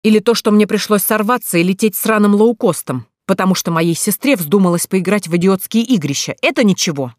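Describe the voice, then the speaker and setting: An audiobook narrator voicing an angry young man scolding his runaway teenage sister, loud and insistent, in a dry recording. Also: medium pitch, normal speed, hardly any pauses, slightly rough, no room sound, natural voice. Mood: furious. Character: angry older brother, young man, stern and commanding.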